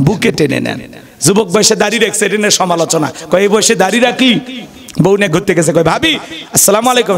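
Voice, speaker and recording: A male preacher delivers a lively waz sermon in a high-pitched voice. He keeps calling on the crowd for replies and acts out little scenes with humor.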